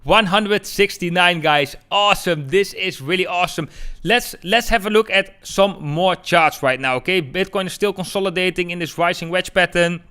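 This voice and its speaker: Hosting a live crypto trading stream, a man from the Netherlands with a Dutch accent talks at a normal speed in a high, bright, forceful voice that's clear and resonant. He's chatty, goes over the charts, responds to the chat, and keeps addressing viewers as "guys."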